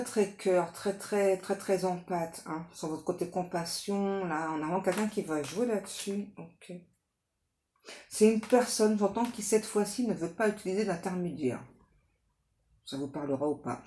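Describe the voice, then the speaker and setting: A woman giving a casual, improvised tarot reading straight to the listener, halting and repetitive, often adding little tag words for agreement. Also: lowish voice, dark tone. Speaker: tarot card reader hosting a guidance channel. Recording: echoey room with faint background noise.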